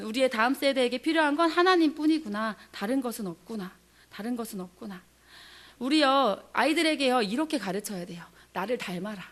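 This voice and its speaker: A woman missionary in her thirties delivering a sermon. She talks earnestly and conversationally, pausing often between phrases. Her voice sits a little higher than usual. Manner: earnest, conversational preaching with frequent pauses and fillers. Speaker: missionary preacher. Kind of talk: sermon at a prayer meeting.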